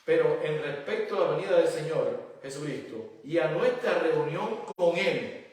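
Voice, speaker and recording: A male pastor delivers a sermon, reading scripture aloud before breaking it down with rhetorical questions. His voice sits a little high for a man. It comes from well away from the microphone and rings heavily around a church hall. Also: expressive, unhurried, darkish tone. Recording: very echoey church hall, voice from a distance.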